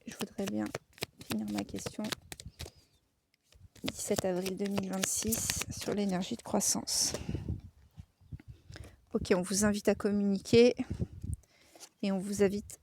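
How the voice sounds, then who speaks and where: A woman's voice: medium pitch, little pitch movement, unhurried, pauses often, noisy background. A woman with a Lorraine French accent giving a casual oracle card reading, chatty and frank, with frequent fillers.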